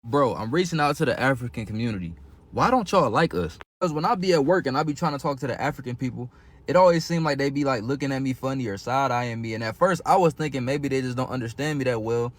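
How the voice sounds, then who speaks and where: Guy talking fast, slangy and fed up, telling a story about work. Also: mid-range voice, expressive. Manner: casual slangy storytelling, exasperated. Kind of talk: storytelling vent to camera.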